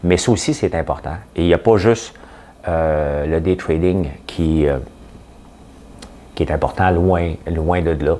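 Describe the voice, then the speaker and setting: A man with a Quebec French accent, hosting a casual morning talk to camera, rambling and animated as he tells stories. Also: sits low, a little slow, a little hiss or hum. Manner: chatty, rambling, animated storytelling. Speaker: host. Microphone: studio camera setup.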